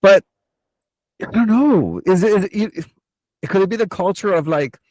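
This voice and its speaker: Agreeable man, slightly high voice. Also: lively intonation, moderate pace, darkish tone, no room sound, low-quality recording. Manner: agreeable, chiming in with short replies. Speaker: podcast co-host. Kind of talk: casual chat.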